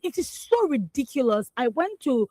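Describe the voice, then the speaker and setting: This young Nigerian woman has a high-pitched voice and talks at a normal speed, with no echo on the recording. In a radio studio she co-hosts a newspaper review, reading headlines aloud and reacting with animated, emphatic exclamations, laughing between points.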